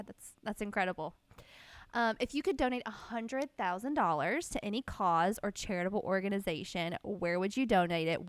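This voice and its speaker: A woman's voice: mid-range voice, clear, resonant tone, no room sound. A woman co-hosting a podcast, asking questions in casual chat and affirming the guest enthusiastically. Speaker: podcast co-host.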